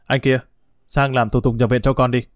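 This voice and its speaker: A man's voice: mid-range voice, flat delivery, normal speed, natural voice. A man voicing a cold, bossy woman nurse giving curt orders. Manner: curt commands.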